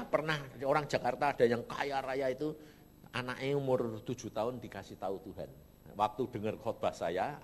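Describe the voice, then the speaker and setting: A middle-aged man preaching a sermon, telling a story, dropping to soft murmurs and then bursting out loudly. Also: mid-range voice, slight background noise. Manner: swings from soft murmurs to sudden loud emotional bursts. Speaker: evangelist preacher.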